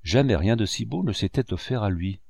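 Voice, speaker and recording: Low-voiced man reading a classic novel. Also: expressive, a little fast, gravelly, a little mellow, dry recording, clean studio sound. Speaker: audiobook reader. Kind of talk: literary audiobook narration.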